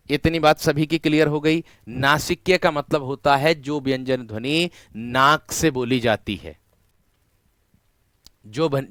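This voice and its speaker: A man's voice: mid-range voice, a bit bright, no room sound. A man teaching an online exam-prep class, repeating and drawing out key words and often calling his students friends. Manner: repetitive, drawn-out stressing of key words.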